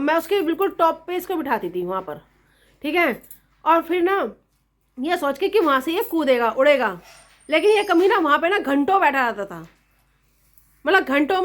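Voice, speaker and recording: A woman in her thirties chatting casually to the camera as a family vlogger, teasing and laughing often. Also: high voice. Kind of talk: casual vlog chat.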